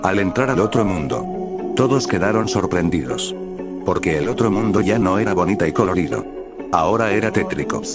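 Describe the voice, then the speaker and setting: A man with a deep voice tells a scripted horror tale. He narrates as a storyteller, with loud music running beneath his words. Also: lively intonation, normal speed.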